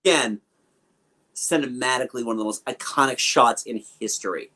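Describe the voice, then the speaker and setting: Casual film talk comes from a male podcast co-host who riffs with plenty of fillers and opinions. The voice is medium-pitched with a sharp tone and a fairly quick delivery.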